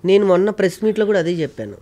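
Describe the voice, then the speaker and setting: A man's voice: high voice, sing-song, racing, mellow. A man being interviewed as a comedian and film producer, talking emphatically and repeating phrases for effect. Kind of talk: interview conversation.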